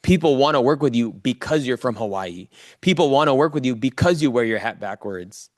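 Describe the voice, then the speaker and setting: This coach, a man with a medium-pitched, expressive voice, talks a little fast to a live online audience. He speaks casually and straight to his listeners, hammering home key phrases by repeating them, in a dry, clean studio recording.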